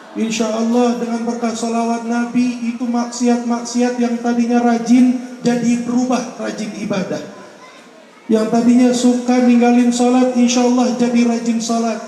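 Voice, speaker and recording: Male preacher, very high voice, joking street-talk sermon, boomy echo from far off over loudspeakers. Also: slight background noise. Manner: joking colloquial banter mixed with chanted prayer. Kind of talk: religious sermon to a crowd. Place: outdoor park gathering. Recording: echoey loudspeaker sound from far off.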